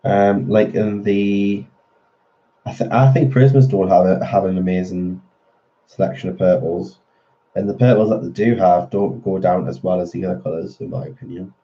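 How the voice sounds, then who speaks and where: A low, dark-toned man speaks at a moderate pace with fairly even intonation, and the audio sounds dull. Hosting a colouring channel, he chats casually on a live stream as he colours, answering viewer comments, and sounds a little nasal while getting over a cold.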